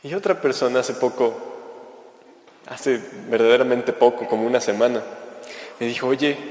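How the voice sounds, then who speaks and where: A male preacher talks through readings at a mid pitch, unhurried and explanatory, like a storyteller among his listeners. His voice rings through a large church, with a long reverb trailing every phrase. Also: fairly even intonation, a little mellow. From Mexico. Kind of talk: conversational sermon talk.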